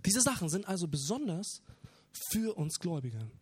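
A man's voice: high voice, very animated, moderate pace, a little mellow, slightly rough, no echo. A man preaching a sermon, talking earnestly and with emphasis as he explains parables.

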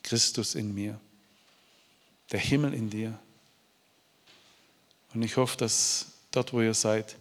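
Speaking slowly with long pauses, this man has a lowish, steady voice as he preaches and shares emotional testimony in an echoing hall. His delivery is heartfelt and pleading, full of restarts and stammered repetitions.

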